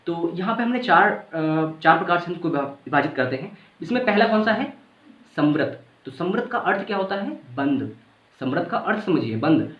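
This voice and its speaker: A male teacher with a slightly high, sing-song voice gives a casual grammar lesson at a moderate pace, sounding out vowels aloud. He repeats points and checks that the class is following. The recording is lo-fi and dull, in an echoey room.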